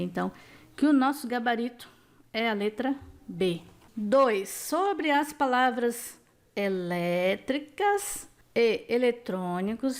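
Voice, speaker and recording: A woman's voice: medium pitch, vocal fry. A woman teacher working through exam questions step by step, checking each answer with the viewer and often asking "né?". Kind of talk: exam-prep lesson.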